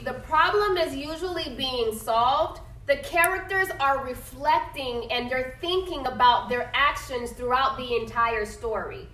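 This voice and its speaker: A woman teacher with a high-pitched, sharp voice reads a picture book aloud to her class, often pausing to ask questions and checking they follow with "okay?". It's a classroom read-aloud lesson, recorded from a distance in an echoey room.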